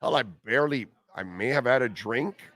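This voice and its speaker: Mid-pitched man hosting sports-talk radio. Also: lively intonation, normal speed, fairly bright tone, no echo. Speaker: radio show host.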